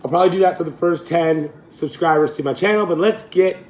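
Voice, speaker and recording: A fitness coach in his late 30s rambles casually through a home cooking vlog, correcting himself and laughing easily. His voice is a little high and a little fast, against a noisy background.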